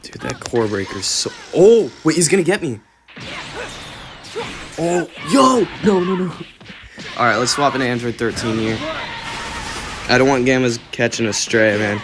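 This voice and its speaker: A man's voice: medium pitch, fairly quick, background noise. A man livestreaming a video game with casual, slangy frat-bro commentary. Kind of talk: casual live gaming commentary.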